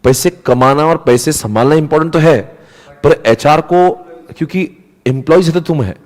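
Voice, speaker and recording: A man's voice: on the high side, moderate pace, darkish tone. Chatty male lecturer, reverberant hall. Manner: chatty, mixes Hindi and English, acts out quotes. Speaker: teacher. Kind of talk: casual classroom lecture.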